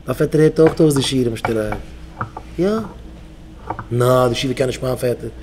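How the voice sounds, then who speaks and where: Mellow-voiced rabbi exhorting his students. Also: mid-range voice, quick pace, a little hiss or hum. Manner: exhorting, leads the crowd in call-and-response chants. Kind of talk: Yiddish sermon to yeshiva students.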